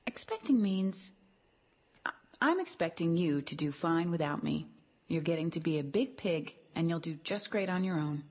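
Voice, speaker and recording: A woman playing a wise, caring female spider in a film, speaking in a measured, articulate way. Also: lowish voice, lively intonation, a little mellow, breathy edge. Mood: gentle, evasive. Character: gentle, wise, motherly female spider expecting babies. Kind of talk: film character acting.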